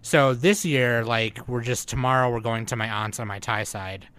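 This podcast co-host is a man whose voice is medium in pitch, smooth, and fairly bright. He speaks at a moderate pace, chatting casually and rambling with plenty of fillers and false starts.

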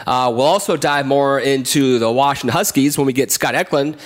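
A man's voice: medium pitch, a little fast. A man co-hosting a casual sports talk show, chatty, with restarts and repeated words as he runs through recruiting notes. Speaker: recruiting analyst co-host.

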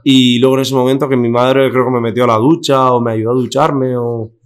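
A man's voice: mid-range voice, level tone, fairly quick. A young man from Spain, a podcast guest telling stories in casual chat, full of fillers and acted quotes.

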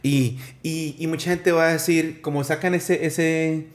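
A man from Colombia hosting a casual interview, chatty, with quick restarts, who acts out the quotes he tells. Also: on the high side, steady tone. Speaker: podcast host.

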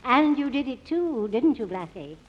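A woman's voice: high voice, very animated, moderate pace, husky, full character voice. An actress playing an earnest woman charity organizer with a proper, insistent stage delivery, heard through an old radio show broadcast. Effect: old radio show broadcast sound. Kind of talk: 1940s radio acting. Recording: dull lo-fi old radio recording, reverby, faint hiss.

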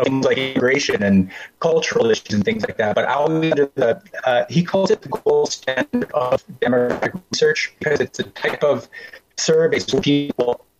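A male guest writer on a remote radio interview, explaining in a steady academic way while his connection keeps breaking up. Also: medium pitch. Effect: choppy connection breaking up. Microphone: phone or internet call. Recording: dull lo-fi call line with faint music.

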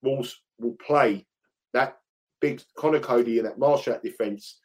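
Brief: London bloke, middle-aged football tipster on a betting podcast, chatty, laughs easily, mid-range voice. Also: male voice, mid-range voice, a little slow. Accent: London English. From England. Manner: laughs through stories, repeats himself when excited. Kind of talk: casual podcast chat.

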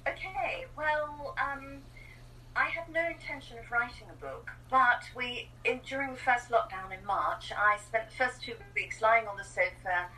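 A woman in her sixties from New Zealand, an author chatting as a guest with a lively, self-deprecating way of telling stories. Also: fairly high pitch, a little slow. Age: 60s. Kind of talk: casual interview chat. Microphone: remote video call. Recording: distant call audio with faint noise.

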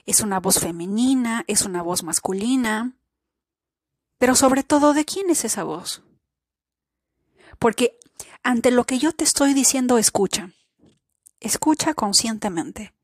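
A woman's voice: on the high side, expressive, unhurried, pauses often, breathy edge, no room sound, studio quality. Earnest woman asking rhetorical questions. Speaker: podcast host. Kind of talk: reflective spiritual podcast talk.

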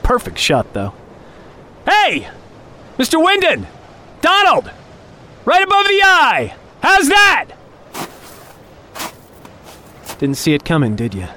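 A man's voice: medium pitch, expressive, fairly quick, hardly any pauses, slight background noise, close to an everyday voice. A man playing a younger office underling on a hunt, talking on with mock cheer, taunts and menace in a dramatic audio story. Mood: gloating. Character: younger male office underling, falsely chummy, needling, menacing hunting companion. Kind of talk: dramatic audio fiction acting.

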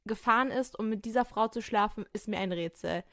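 A woman's voice: mid-range voice, a little fast, fairly bright tone, no room sound, studio quality, close to an everyday voice. A woman reading the lines of an arrogant young millionaire playboy in a story game, in her own plain voice. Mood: sardonic.

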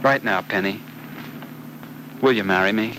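An actor playing an eager, romantic young suitor in an old radio serial, earnest and lightly joking. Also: male voice, lowish voice, measured pace, close to an everyday voice. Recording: noisy old radio recording.

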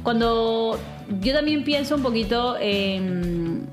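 A woman host from Peru with a somewhat high voice chats easily and agrees readily with her guest. Clear music plays behind her. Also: animated, takes it slowly. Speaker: podcast host. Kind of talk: casual interview chat.

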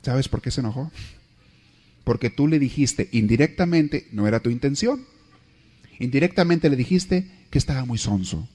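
A man teaching a marriage class in a lively lecture. He jokes and acts out little scenes. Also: mid-range voice, moderate pace.

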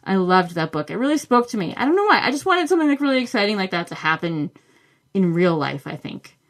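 A woman's voice: medium pitch, sing-song, quick pace, fairly bright tone. A woman hosting a book podcast, chatting casually and enthusiastically as she answers listener questions. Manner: chatty and enthusiastic, with many fillers. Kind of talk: casual solo podcast talk.

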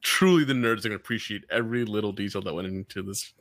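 A man co-hosting a casual podcast chat, cracking quick jokes and chuckling. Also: lowish voice, fairly bright tone, dry recording. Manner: joking, quick asides, chuckles often. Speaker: podcast co-host.

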